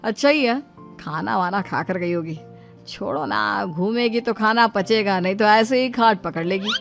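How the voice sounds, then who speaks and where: A woman's voice: medium pitch, normal speed, creaky, soft background music, close to an everyday voice. A woman voicing an easygoing, dismissive young husband and son in a cartoon story, who brushes worries aside. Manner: offhand, brushing things aside. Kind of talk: cartoon voice acting.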